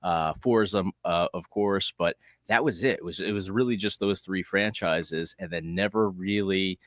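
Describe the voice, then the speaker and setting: A man with a very deep voice hosting a relaxed livestream conversation. He rambles and thinks aloud, restarting sentences as he goes. The recording is dry with no room sound. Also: normal speed, no echo. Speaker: host. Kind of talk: casual livestream chat.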